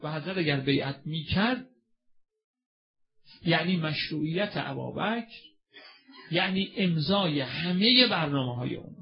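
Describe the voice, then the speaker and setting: High gravelly impassioned male preacher. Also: animated, long pauses, muffled recording. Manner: impassioned, asks the audience questions and answers them himself. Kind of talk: religious sermon and mourning recitation.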